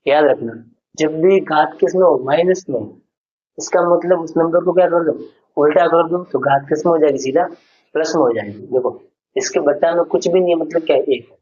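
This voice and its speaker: In a warm, husky voice on the high side, a man teaches a school maths lesson, patiently explaining each step and repeating his questions to the students. The recording sounds dull and lo-fi.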